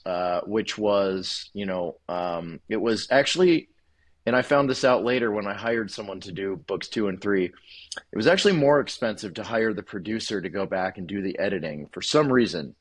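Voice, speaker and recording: A man talking casually as a guest author in an interview, chatty and self-deprecating, laughing often. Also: on the low side.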